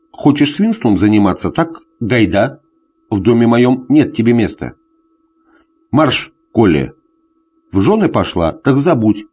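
A man's voice: medium pitch, dark tone, highs cut off. A man voicing a drunk, jealous middle-aged husband who rants at his wife in a hollow, tearful voice. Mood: scolding. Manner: hoarse tearful bullying rants.

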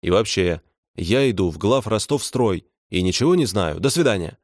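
A man voicing a blunt, hot-tempered middle-aged electrician who booms with indignation. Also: animated, normal speed, no echo, studio quality. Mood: indignant, booming. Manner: booming, indignant.

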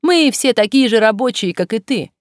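A woman's voice: fairly high pitch, lively intonation, moderate pace, no echo, studio quality, pitched above the performer's own voice, lightly acted. A woman voicing a male strike leader who talks earnestly and persuasively to a fellow worker. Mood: persuading. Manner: pleading, persuasive, direct.

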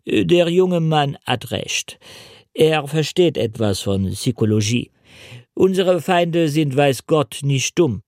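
A man reading the part of an elderly French officer who tells a story slowly and deliberately. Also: medium pitch, big pitch swings, gravelly, dry recording, studio quality. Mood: measured.

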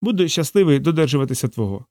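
A man's voice: on the high side, animated, racing, darkish tone, no echo, lightly acted. A man voicing a wry, gloomy male soldier-physicist in an audiobook, with a dry, grumbling delivery.

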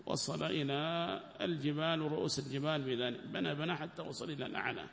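A man giving a Quran commentary lesson who explains slowly, repeats his phrases and puts questions to his listeners. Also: fairly high pitch, creaky, a bit bright, big-room sound, a little hiss or hum. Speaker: Quran teacher.

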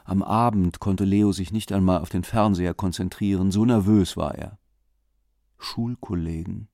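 A man's voice: low-pitched, fairly even intonation, normal speed, warm tone, no echo, studio quality. A man reading an audiobook aloud as scripted narration, voicing the dialogue with shifts in his voice.

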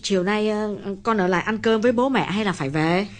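A man voicing a soft-spoken older mother. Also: high-pitched, brisk, pitched above the performer's own voice, lightly acted. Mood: caring. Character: caring older mother, gently curious. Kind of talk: audiobook character voice.

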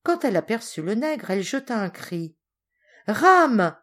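A woman reading a classic children's story aloud as an audiobook narrator, clear and measured. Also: medium pitch, very animated, a little mellow. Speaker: volunteer audiobook reader.

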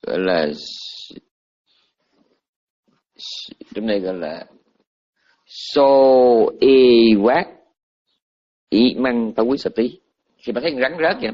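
Male dharma teacher, husky voice, chatty storytelling with restarts, dull lo-fi recording. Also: on the low side. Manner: conversational, repeats words while searching, animated when telling stories. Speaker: Buddhist teacher. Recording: muffled lo-fi recording.

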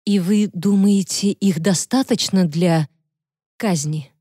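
A woman reading the lines of a worried mother in an audiobook, quiet and pleading. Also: medium pitch, takes it slowly, breathy edge, no room sound, clean studio sound. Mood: anxious. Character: worried mother of an accused man.

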